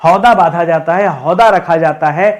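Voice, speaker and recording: High-voiced man drilling spelling rules. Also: dull audio. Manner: repeats and drills words, asks the class rhetorical questions; calls his listeners friends, relaxed and unhurried. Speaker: Hindi teacher. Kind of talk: online exam-prep lesson.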